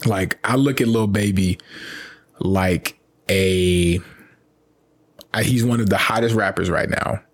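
Casting note: low, husky male co-host, easygoing and rambling, casual podcast banter. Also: slow pace, pauses often. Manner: laid-back, rambling, says "you know what I'm saying" often. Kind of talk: casual chat.

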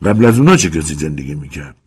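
A man playing a restless young man who asks earnest questions with restrained excitement. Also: a bass voice, husky, full character voice. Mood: eager.

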